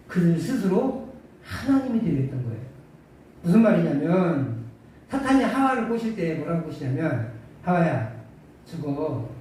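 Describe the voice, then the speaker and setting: A man's voice: a little high, mellow. A male pastor preaching a conversational sermon full of rhetorical questions and dry humor, recorded in an echoey church hall from a distance. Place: church sanctuary. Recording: echoey church hall from far off, faint hiss.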